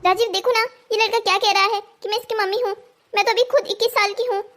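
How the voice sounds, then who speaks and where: A woman's voice: very high-pitched, fairly even intonation, quick pace, fairly bright tone. A woman voicing a confused, indignant twenty-one-year-old woman in a cartoon story. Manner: indignant, bewildered. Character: young woman of 21, confused and stubborn.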